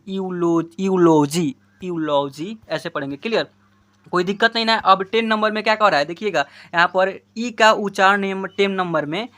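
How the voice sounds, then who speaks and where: Guy teaching english phonics, spells stuff out letter by letter, keeps asking the kids if it's clear, fixes his own slips. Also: high voice, bright, forceful tone. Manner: spells words letter by letter, checks in with students; corrects himself mid-sentence. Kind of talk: classroom-style phonics lesson.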